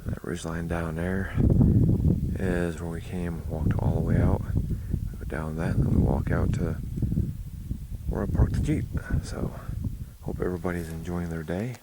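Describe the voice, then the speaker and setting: A man casually narrating an outdoor hiking vlog to his viewers on a windy high ridge, recorded on a handheld camera with wind noise. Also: fairly even intonation, a little slow. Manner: informal, addressing viewers as "guys". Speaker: hiking vlogger.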